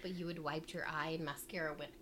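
A woman's voice: low voice, flat delivery, quick pace, fairly bright tone, a little hiss or hum. A woman co-hosting a podcast, chatting casually and playfully. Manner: giggly, playful, breaks into silly voices and song. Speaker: podcast co-host. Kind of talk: casual chat.

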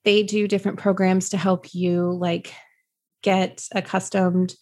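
A woman's voice: on the low side, flat delivery, measured pace, warm tone. A young adult woman, a podcast guest, out of breath and talking casually with lots of fillers while she searches for words. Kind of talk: casual interview chat.

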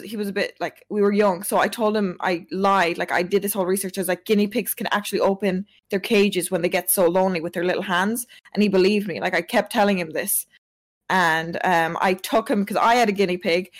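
A woman talks casually on a stream, rambling through a story. She leans on "like" constantly and restarts her sentences. Her voice sits at a middling pitch. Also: fairly even intonation, brisk. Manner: rambling, heavy use of "like".

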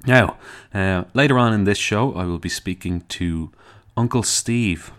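A man's voice: low-pitched, normal speed, a bit bright, smooth. A man with a Dublin Irish accent hosting a podcast, talking casually in a rambling, digressive, jokey way. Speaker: podcast host. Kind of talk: casual solo podcast intro.

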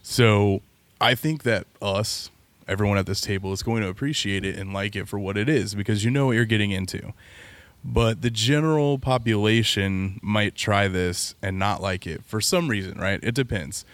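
A man's voice: fairly low pitch, moderate pace, no echo. A man co-hosting a casual podcast chat, laid-back, swearing now and then as he talks through his reasoning. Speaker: podcast co-host.

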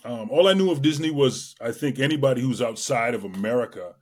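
A middle-aged man from Trinidad and Tobago, a guest entertainer telling his career story in a lively way, with many fillers. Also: mid-range voice, brisk. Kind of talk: casual interview chat.

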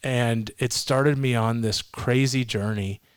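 A man's voice: medium pitch, fairly even intonation, slow pace, smooth, no room sound. A man in his forties shares a personal testimony as an interview guest, his voice sitting in a middle register. He tells his story earnestly, with restarts and quoted voices. The recording is dry and close. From Massachusetts, raised in Florida. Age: 40s. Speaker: guest, ministry leader. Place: a home.

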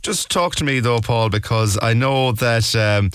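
A man's voice: medium pitch, measured pace, fairly bright tone, clear, resonant tone. An Irish man hosting a radio talk show, asking questions in a conversational interviewing style. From Mayo, Ireland.

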